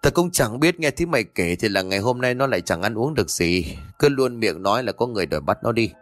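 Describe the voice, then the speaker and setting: A man voicing a tired, gruff older uncle who speaks in a weary, curt way. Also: fairly low pitch, expressive, quick pace, a bit bright, soft background music.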